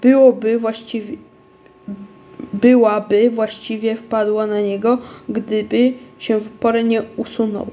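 A woman reading a children's book aloud, steady with small slips and restarts. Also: on the high side, a little slow, muffled recording, soft background music. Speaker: narrator.

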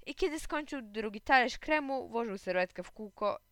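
A woman reading a children's story aloud in a lively, expressive way. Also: fairly high pitch, normal speed, no echo, studio quality. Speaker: reader.

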